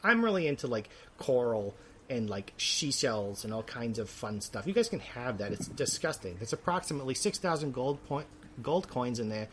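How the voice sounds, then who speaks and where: A man's voice: mid-range voice, very animated, moderate pace, noisy background, lightly acted. A man voicing a chatty, rambling old male brass dragon who is fussy and easily offended.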